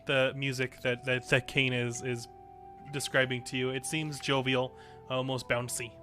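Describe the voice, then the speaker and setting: Brief: bright male dungeon master, hesitant narration, soft music under. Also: mid-range voice, flat delivery. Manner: halting, many ums and restarts. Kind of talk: narrating a tabletop game.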